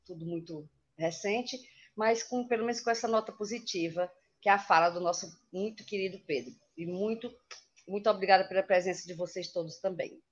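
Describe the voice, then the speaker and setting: A woman's voice: medium pitch, brisk. Effusive woman introducing a guest. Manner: effusive, gushing praise. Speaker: course coordinator introducing speaker. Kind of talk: warm introduction. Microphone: video call. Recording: dull lo-fi video call audio.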